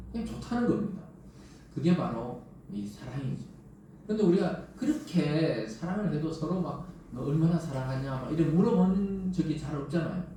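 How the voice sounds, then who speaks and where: A middle-aged male pastor from the Gyeongsang region with a Gyeongsang accent, preaching a sermon in a conversational, lively way full of rhetorical questions. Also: fairly high pitch, slight background noise. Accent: Gyeongsang Korean. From Gyeongsang region of Korea. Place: large church sanctuary. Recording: very echoey church hall from a distance.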